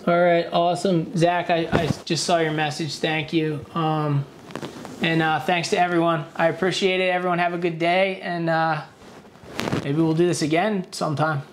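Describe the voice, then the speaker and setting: Chill guy on a zoom call, slightly high voice, lots of ums, faint noise behind. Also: level tone, normal speed. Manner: laid-back, grateful, many fillers. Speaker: guest speaker. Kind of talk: casual talk on a video call. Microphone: video call.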